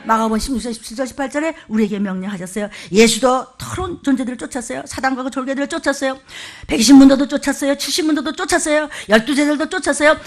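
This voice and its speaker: A woman's voice: high-pitched, racing, hardly any pauses. A middle-aged woman pastor preaching a sermon, fervent and scolding, with sudden commanding outbursts.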